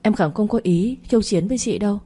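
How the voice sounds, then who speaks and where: A woman's voice: mid-range voice, fast talker, mellow, husky, close to an everyday voice. A woman voicing a timid pleading girl. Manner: pleading, flustered. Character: timid adopted girl, young woman, gentle.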